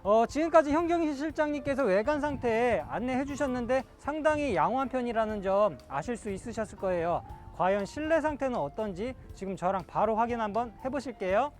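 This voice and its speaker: A man presenting a used car's interior with smooth, self-promoting salesman patter. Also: extremely high pitch, lively intonation, fairly quick, few pauses, soft background music. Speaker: used car dealer presenter.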